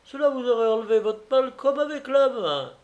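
A man's voice: very high-pitched, very animated, normal speed, dull audio, voice pushed up. A man voicing a bustling, motherly woman baker who fusses over her guest. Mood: fussing. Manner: fussing, solicitous, folksy remedies. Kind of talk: audiobook reading.

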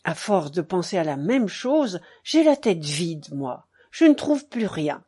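A woman's voice: lowish voice, very animated, measured pace, warm tone, husky, exaggerated voice. A woman reading the part of a worried married man pressing his wife for money, in an audiobook. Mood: worried pleading. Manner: urgent, pleading then cold.

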